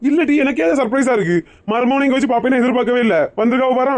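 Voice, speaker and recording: A woman doing a fast-talking teasing Kanyakumari relative. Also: sits high, darkish tone. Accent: Kanyakumari Tamil. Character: teasing relative who mocks the bald aunt.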